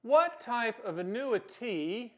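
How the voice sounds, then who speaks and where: A man putting on a high, squeaky, teasing voice for a male client quizzing the agent. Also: sing-song, takes it slowly, full character voice.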